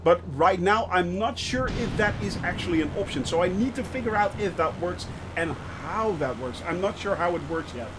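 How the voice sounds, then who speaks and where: A flight simulator streamer with a high, expressive voice talks at normal speed with hardly any pauses, though the audio is very noisy. Casually addressing his chat and greeting viewers by name, he thinks out loud, often hesitating and starting over.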